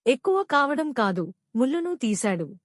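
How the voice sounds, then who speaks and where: A woman's voice: high voice, big pitch swings, moderate pace, dry recording, clean studio sound. A woman voicing a wounded male tiger in a storybook, pleading and weary.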